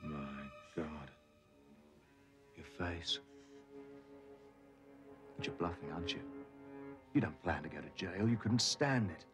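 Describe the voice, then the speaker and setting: A man's voice: rumbling low, expressive, slow pace, pauses often, over music, heavily acted. An actor playing a cool, curt, defiant man in a television soap drama. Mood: cold, defiant. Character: cold, defiant, controlled man rejecting a blackmailing lover.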